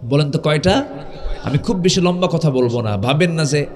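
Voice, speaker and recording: A male preacher delivering a sermon, shouting exhortations, quizzing the crowd with call-and-response questions and chanting verses slowly and melodically. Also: a little high, lively intonation. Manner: loud exhortation with bursts of shouting. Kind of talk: sermon with chanted scripture recitation.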